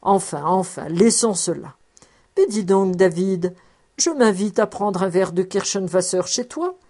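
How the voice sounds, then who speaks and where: A woman's voice: medium pitch, expressive, a little slow, dark tone. A woman reading aloud, voicing a cheerful, teasing man who loves food and drink. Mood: jovial. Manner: joking, cheerful.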